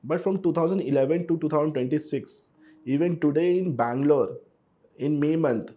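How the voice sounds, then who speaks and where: A man with an Indian accent speaks as a podcast host. His voice sits a little higher than average for a man, and he interviews in a conversational way. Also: normal speed, narrow, tinny audio.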